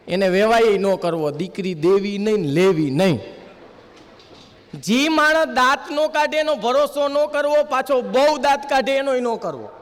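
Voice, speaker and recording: A man's voice: high-pitched, in a large hall. A man performing a stage comedy monologue, telling folksy stories that land on punchlines. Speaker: humorist.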